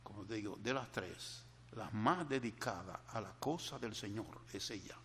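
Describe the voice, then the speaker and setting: A man's voice: on the low side, lively intonation, measured pace, a bit bright, big-room sound, slight background noise. An older man preaching a sermon meditation, earnestly repeating key phrases for emphasis as he tells a personal story.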